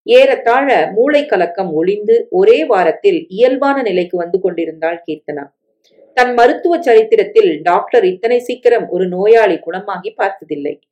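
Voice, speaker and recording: A woman reading a family story aloud in a steady, plain way. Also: mid-range voice, measured pace, dull audio. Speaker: narrator.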